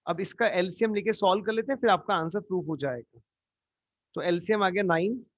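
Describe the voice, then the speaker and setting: Over dull, lo-fi online class audio with a dry sound, a man with a high voice teaches geometry live. He keeps nudging his students along by asking the same questions again and again.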